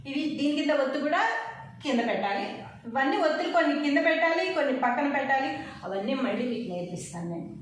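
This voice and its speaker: A woman teacher patiently spelling out letters one by one in a slow lesson. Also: sits high, lively intonation, a little hiss or hum. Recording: echoey room, mic far off.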